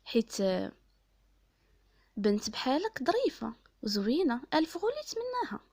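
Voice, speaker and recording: A woman voicing a gentle, kind-hearted male ghoul in a bedtime folk tale, reassuring and flattering, with a Moroccan accent. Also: high-pitched, normal speed, no echo, studio quality. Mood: delighted, flattering.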